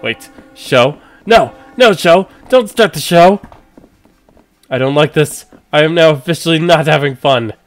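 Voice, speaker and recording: Man acting out a high-pitched panicky male thief. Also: moderate pace, hardly any pauses, dry recording, lightly acted. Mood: panicked pleading. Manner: excitable, exclaiming, pleading. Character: greedy, reckless male thief who panics when trapped.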